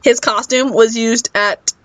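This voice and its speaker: A young woman improvises a crude, rambling comic story, giggling often in a fairly high voice. She hosts a podcast, and her voice sits close and dry with no room sound. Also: fairly even intonation, measured pace, no room sound. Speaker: podcast host.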